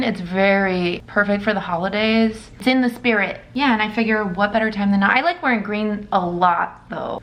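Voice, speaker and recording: A raspy-voiced woman in her thirties, chatting casually as she walks through a makeup tutorial. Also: medium pitch. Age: 30s. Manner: rambling, chatty, narrating as she works. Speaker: makeup vlogger.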